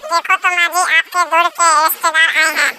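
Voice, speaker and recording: A woman's voice: very high-pitched, flat delivery, pushed and bright, a little hiss or hum, exaggerated voice. A woman playing a cheeky daughter-in-law. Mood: hospitable. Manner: cheeky, quick retorts. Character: sharp-tongued young daughter-in-law, cheeky and defiant. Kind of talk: comedy sketch.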